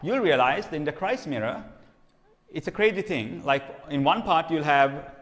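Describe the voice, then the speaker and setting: A man's voice: a little high, animated, moderate pace, a bit bright. A man preaching in a conversational teaching style. He often asks "okay?" to check in and repeats or restarts phrases. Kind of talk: sermon teaching. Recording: long reverb hall.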